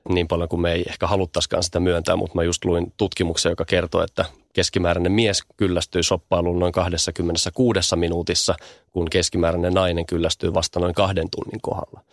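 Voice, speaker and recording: Deep gravelly man explaining calmly. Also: no echo, clean studio sound. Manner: thoughtful, repeats small words while thinking. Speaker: sound branding guest. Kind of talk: explanatory conversation.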